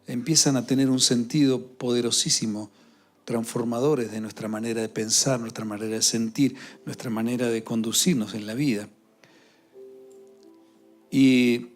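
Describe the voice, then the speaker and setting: A male pastor delivers a sermon in a mid-pitched voice, halting and circling back on his words with frequent filler sounds. Faint music plays softly behind him. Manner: hesitant, many filler sounds and repeated words; grows louder and more fervent toward the close.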